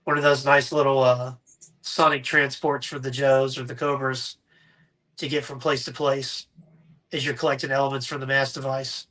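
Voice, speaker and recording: A man's voice: medium pitch, level tone, normal speed, pushed and bright. A man co-hosting a casual live stream about toys, rambling and joking with plenty of fillers and restarts. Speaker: co-host.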